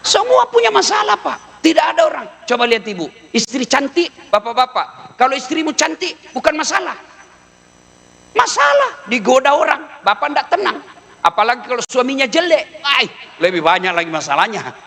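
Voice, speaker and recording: A man with a lilt delivers a comic sermon in a very high, bright, forceful voice. His pitch swings widely as he jokes and mimics others. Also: moderate pace, creaky. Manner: animated, mimics widows and wives in a low voice, sings snatches. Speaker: preacher.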